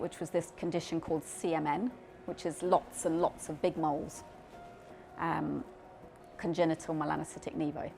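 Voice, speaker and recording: A middle-aged woman with a fairly low voice speaks in a profile interview, explaining her medical research in a measured, thoughtful way. She often restarts and repeats words as she thinks. Soft music plays quietly underneath. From Scotland, raised in Belgium. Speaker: clinician scientist in paediatric dermatology.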